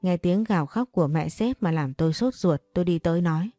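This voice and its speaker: Woman reading a story out loud, low mellow voice, dry close mic, soft music behind. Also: expressive, brisk, no echo. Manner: reads every character's lines in her own voice. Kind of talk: first-person audio story narration.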